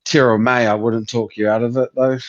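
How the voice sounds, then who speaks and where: A man's voice: mid-range voice, level tone, fairly quick, muffled recording. A man chatting casually about sport as a podcast co-host, blunt and sweary with plenty of slang.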